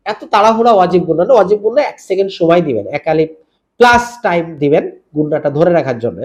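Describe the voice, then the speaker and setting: A man teaching Quran recitation rules, spelling out each letter and vowel mark and then drawing the words out slowly in a chanted style, asking the listener to repeat. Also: high voice, darkish tone. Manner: asks the listener to repeat after him. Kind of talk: step-by-step tajweed lesson.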